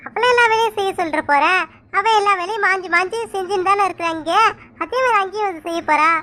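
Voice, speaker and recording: A woman voicing a sharp-tongued, scolding middle-aged village mother in a cartoon. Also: very high voice, fast, slight background noise. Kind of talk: cartoon voice acting.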